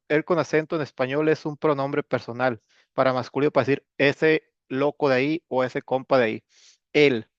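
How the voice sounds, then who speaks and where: A man's voice: fairly high pitch, dry recording, dull audio. Casual man teaching English. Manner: casual, joking, with many fillers. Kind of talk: recorded class explanation.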